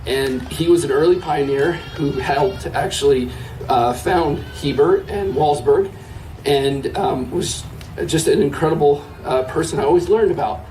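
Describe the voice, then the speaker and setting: A man with a hoarse, worn-out voice gives an informal speech to a gathering. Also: on the high side, unhurried, a little mellow, recorded from a distance. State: hoarse, lost his voice. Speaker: donor speaker. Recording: echoey, noisy, picked up from afar.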